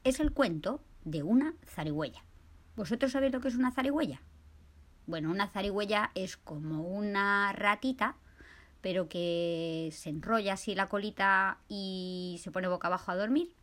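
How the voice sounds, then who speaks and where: A woman's voice: mid-range voice, normal speed, fairly bright tone. A woman from telling a children's story, playful and asking her listeners questions.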